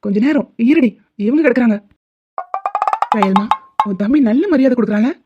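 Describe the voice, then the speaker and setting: A woman voicing a cheerful, teasing young man in love in an animated series, with playful banter. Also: a little high, brisk, lo-fi sound, over loud music, close to an everyday voice. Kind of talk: animated web series dubbing.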